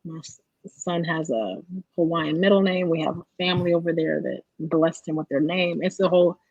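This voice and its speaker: A woman's voice: sits low, normal speed, no room sound, dull audio. A woman in her thirties, a stage actress, telling stories in a casual interview with many restarts. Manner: animated storytelling with restarts.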